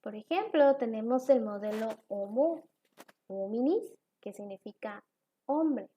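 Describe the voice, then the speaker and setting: A woman's voice: a little high, animated, a little slow, warm tone, dull audio. A woman teacher giving a recorded online class, explaining step by step with examples.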